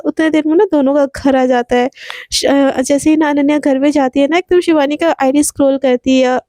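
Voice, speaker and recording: A young woman tells a love story in a high, mellow voice, chatty and dramatic. The sound is dry and close, with no room echo. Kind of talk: casual story narration.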